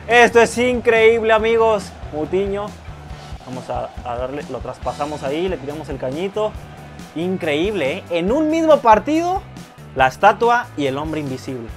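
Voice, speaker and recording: An excitable, high-voiced young Mexican man, a gaming YouTuber, gives casual video game commentary over loud background music. He swears often and yells when goals are scored.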